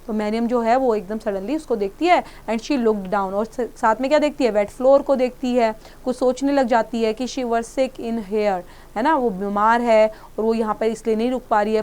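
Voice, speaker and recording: Indian lady teacher going through a story for kids, slightly high voice, reads slow then chats it through. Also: a little mellow. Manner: reads English text slowly, then explains it conversationally. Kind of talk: explaining an English chapter to students.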